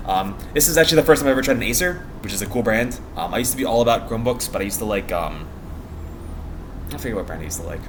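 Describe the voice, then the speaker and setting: A man's voice: lowish voice, animated, racing, background noise. A young American man chatting casually in a vlog, rambling in a meandering, giggly way and often trailing off mid-thought. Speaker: vlogger.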